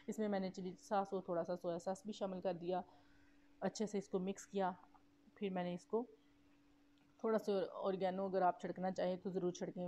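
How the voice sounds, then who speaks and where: A woman's voice: medium pitch, dark tone, slight background noise. A woman with a Pakistani Urdu accent narrating a home cooking vlog as a voice-over, chatty, with frequent fillers and self-corrections. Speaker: cooking vlogger. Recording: dull lo-fi voice-over.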